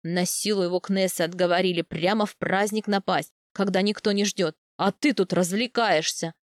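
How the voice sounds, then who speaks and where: A woman voicing a huge bearlike man, a loyal protector who roars and scolds, in a low loud voice. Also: fairly even intonation, normal speed, dry recording, clean studio sound, close to an everyday voice. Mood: scolding. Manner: roaring, scolding.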